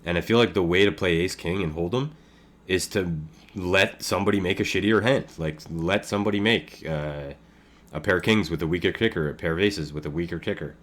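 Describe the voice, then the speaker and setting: A man with a deep, low voice narrates his own online poker session live. He thinks aloud in a loose, casual way, trailing off with fillers and laughing at his own asides. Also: fairly quick. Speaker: poker streamer commenting his own play. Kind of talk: casual live game commentary.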